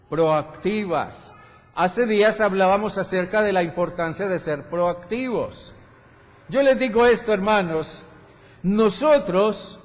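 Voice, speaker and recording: A man with a Colombian accent preaching a sermon as pastor, measured and full of rhetorical questions. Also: high voice. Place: large church hall. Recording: church hall reverb.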